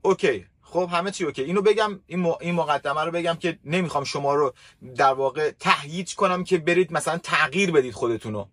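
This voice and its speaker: A man with a high-pitched voice explains his views in a measured way and stumbles briefly over fillers before getting going. The recording is dry and close. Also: fairly bright tone, dry recording. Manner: measured, hesitant starts with fillers. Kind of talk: explanatory talk.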